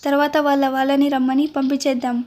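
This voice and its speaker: A woman's voice: high voice, flat delivery, fast, a little mellow, close to an everyday voice. A woman voicing an irritable young husband who speaks curtly and dismissively. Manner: curt, dismissive.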